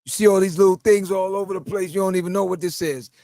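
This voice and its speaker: His voice sits high and warm, with a steady tone and quick pace. The middle-aged New York podcast host laughs through casual stories and acts out the voices he quotes, recorded cleanly in a studio with no room sound.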